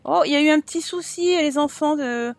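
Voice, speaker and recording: A woman's voice: high-pitched, fairly quick, no room sound. A woman with a southern French accent giving casual let's-play commentary, chatting to her viewers and thinking aloud as she decorates. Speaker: gaming YouTuber.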